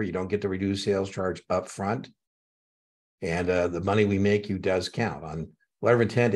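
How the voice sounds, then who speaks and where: A middle-aged man tutoring a student for an exam in a chatty way, repeating key points and telling anecdotes. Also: low voice. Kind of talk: one-on-one tutoring session.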